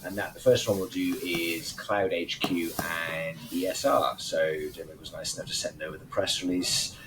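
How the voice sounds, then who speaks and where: A man with a hoarse, very deep voice co-hosts a casual podcast. He talks in a loose, chatty way and swears casually. A faint noise sits under the recording. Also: little pitch movement, moderate pace. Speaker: podcast co-host. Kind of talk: casual industry chat.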